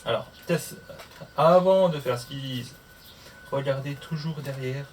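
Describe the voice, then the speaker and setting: In an unhurried, medium-pitched voice, a motorcycle vlogger walks through a hands-on tutorial, speaking casually to camera and muttering to himself at times. The sound comes from a distant mic with clear background noise.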